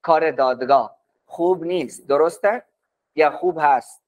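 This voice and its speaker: A man teaching a class as a language teacher, patiently repeating words slowly for his students. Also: on the high side, a little mellow. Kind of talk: classroom lesson. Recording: dull lo-fi recording.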